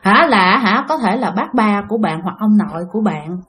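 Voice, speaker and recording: A woman's voice: mid-range voice, lively intonation, normal speed, a bit bright. A woman with a Southern Vietnamese accent telling a ghost story in a conversational way, speaking directly to her listeners. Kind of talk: spoken ghost-story narration.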